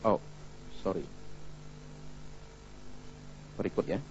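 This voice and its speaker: A male pastor giving a sermon in a lively, chatty storytelling manner, often turning to the congregation with asides. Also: fairly quick, lo-fi sound.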